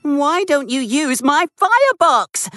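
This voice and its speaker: A woman's voice: high voice, sing-song, slow, a bit bright, slight background noise, full character voice. A woman voicing a friendly, eager young tank engine who speaks politely in a storybook reading.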